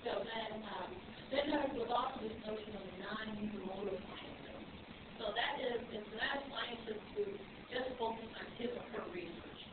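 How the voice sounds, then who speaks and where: A woman giving an academic thesis defense presentation, hedging and halting as she corrects herself. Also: on the high side. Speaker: doctoral candidate presenting research. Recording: echoey, noisy, phone-like, far from mic.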